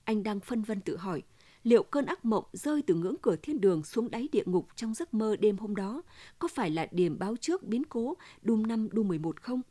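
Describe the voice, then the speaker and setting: A woman reading a story aloud in a steady, measured way. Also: mid-range voice, dry recording. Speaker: audiobook reader. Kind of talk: storytelling narration.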